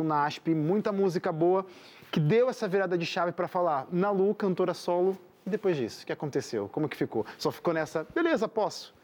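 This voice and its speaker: A man's voice: fairly high pitch, a little mellow. A man with a Brazilian accent hosting a casual music interview, friendly and chatty. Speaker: host.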